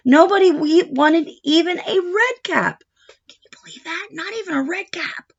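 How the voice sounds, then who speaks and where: Her very high, creaky voice carries a read-aloud picture-book lesson for young children, delivered in deliberate short phrases. The teacher is instructive, asking questions and then answering them, and reads expressively. Recorded with dull, lo-fi sound.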